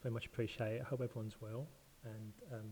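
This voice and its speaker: A man's voice: fairly low pitch, level tone, quick pace, warm tone. Man podcasting from an echoey, bathroom-like room. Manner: hesitant, self-deprecating, chatty. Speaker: podcast host. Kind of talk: informal podcast talk. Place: echoing open living room with marble floor, like a bathroom. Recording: echoey marble-floored living room, hissy noise.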